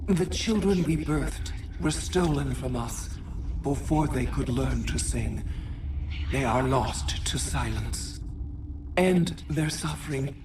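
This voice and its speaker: A woman voicing an ancient, mournful insect hive queen in a video game, speaking in halting, cryptic, solemn phrases through a host. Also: rumbling low. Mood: mournful, eerie. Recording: distant voice with clear noise.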